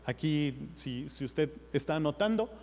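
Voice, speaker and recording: A man's voice: on the high side, expressive, measured pace, darkish tone. A man preaching a sermon in a church, earnestly speaking straight to the congregation as brothers. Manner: earnest, addresses listeners directly as brother. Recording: long hall reverb.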